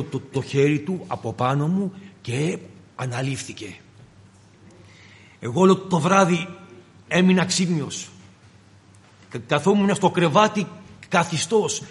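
A man with a high voice preaches in a meeting hall, his words trailing off into a long, ringing reverb. He tells a personal story, slows down for dramatic pauses and repeats key phrases to build the sermon.

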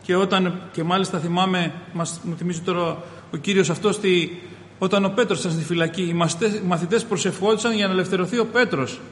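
A man preaching a sermon as a pastor, impassioned, rising loud on key phrases and calling his listeners brothers. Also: sits high, steady tone, slight background noise. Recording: reverberant hall, faint ambience.

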